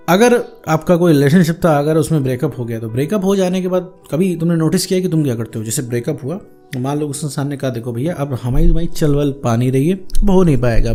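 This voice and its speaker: A man talks straight to the viewer about breakups, quick and a bit high. His tone is mellow and informal, and he repeats points for emphasis. Soft music plays under his voice. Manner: informal, addresses viewer as "bhaiya" and "my friend"; repetitive, emphatic phrasing. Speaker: relationship advice host. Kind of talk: direct-address advice talk.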